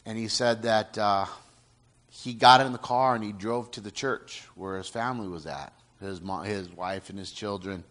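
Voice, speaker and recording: A man earnestly retelling someone's life story in casual speech, halting with frequent restarts. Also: fairly low pitch, fairly even intonation, fairly bright tone. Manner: earnest, halting, many restarts and "you know".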